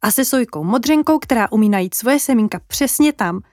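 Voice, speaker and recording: An eager, curious little girl from a bedtime storybook, kind and bright-voiced, as a woman reads her. Her voice sits a little higher than normal and sounds close and dry. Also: expressive, no room sound, natural voice.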